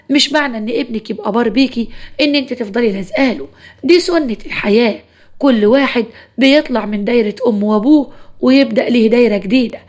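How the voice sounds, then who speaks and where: A woman with an Egyptian accent giving frank, lecturing advice as a storyteller. She talks fast on a voice a little above the usual pitch. Her tone stays direct throughout.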